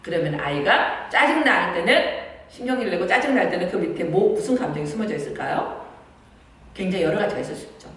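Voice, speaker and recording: A woman's voice: on the low side, sing-song, quick pace, a bit bright. A woman giving a lecture on talking with children, asking her listeners questions and acting out parent and child exchanges. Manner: asks the audience rhetorical questions; acts out mother and child dialogues. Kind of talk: church training lecture. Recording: very echoey hall, mic far off.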